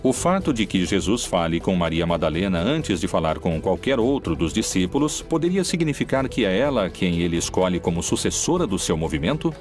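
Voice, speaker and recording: A man with a Brazilian Portuguese accent giving scripted documentary narration in a measured, solemn way. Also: deep voice, sing-song. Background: faint music.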